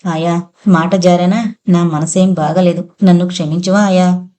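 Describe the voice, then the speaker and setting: Lady doing a headstrong young woman, kinda pleading, lowish mellow voice. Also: steady tone, measured pace, natural voice. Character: proud young woman, headstrong but tender.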